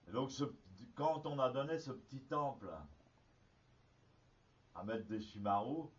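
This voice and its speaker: A man from France gives a spoken zen teaching, drifting through an anecdote with pauses, fillers and restarts. His voice sits at an ordinary middle pitch. It is heard from well back in the room on a muffled, lo-fi archive recording. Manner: halting, with frequent restarts and fillers. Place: meditation hall. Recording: distant, dull lo-fi archive recording.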